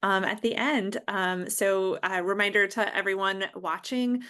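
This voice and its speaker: Bright-voiced woman moderating a session. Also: medium pitch, fairly even intonation, unhurried, smooth. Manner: friendly, with frequent fillers. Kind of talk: hosting a conference session.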